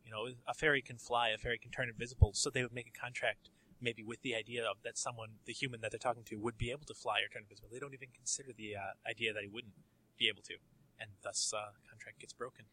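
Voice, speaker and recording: A man's voice: medium pitch, steady tone, fast talker, bright, forceful tone, rough recording. A man talking casually on a podcast, eager to jump in with his point.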